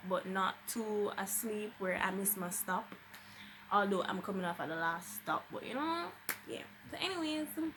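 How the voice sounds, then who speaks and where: Over a noisy background, a young woman with a Jamaican accent and a medium-pitched voice tells a personal story for her vlog. She's casual but dramatic, slipping into Patois and acting out what people said.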